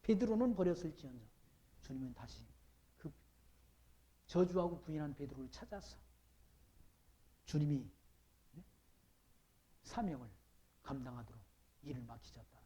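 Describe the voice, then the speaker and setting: A man delivering a sermon in a somewhat high yet mellow, dark-toned voice. He reads scripture in slow, emphatic phrases and keeps asking his listeners questions. His delivery swings between booming declaration and hushed, almost murmured asides. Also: animated. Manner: reads scripture aloud slowly and forcefully. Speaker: pastor.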